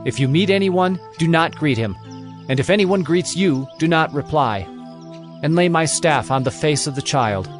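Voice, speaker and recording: A man playing a calm, commanding old prophet in a scripture reading. His voice sits a little high and rises and falls with lively emphasis, over faint background music. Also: moderate pace, close to an everyday voice. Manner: firm, declaiming commands.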